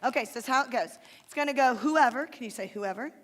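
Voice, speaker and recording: High-voiced encouraging woman teaching children. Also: fairly bright tone. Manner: encouraging, teacherly, slow deliberate recitation. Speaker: children's ministry leader. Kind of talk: leading children in a memory verse with motions. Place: church sanctuary stage. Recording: reverberant church hall.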